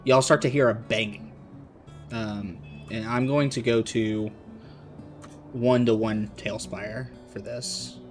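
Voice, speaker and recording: A man, narrating a tabletop game as game master, relaxed and full of fillers. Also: lowish voice, takes it slowly, long pauses, faint music behind. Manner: relaxed, rambling, many fillers.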